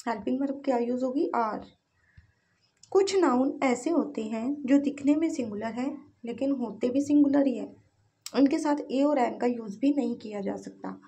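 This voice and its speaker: A woman's voice: sits high, creaky, warm tone, slightly rough. Woman teaching grammar in Hindi. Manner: explains slowly, asks and answers her own questions; reads English examples slowly. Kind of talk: Hindi-English grammar lesson.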